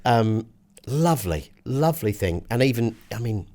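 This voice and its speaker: A man's voice: mid-range voice, expressive, moderate pace, a little mellow. A British man hosting a podcast in casual comic banter, rambling and hesitant, with dry teasing. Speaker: podcast host.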